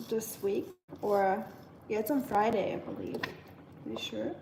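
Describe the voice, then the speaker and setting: This young woman has a fairly high voice and a German accent, and she's cooking at home during a livestream. She reads viewers' comments and chats in a friendly way, using lots of fillers while she works. The kitchen echoes, and clattering pots and pans make the background noisy.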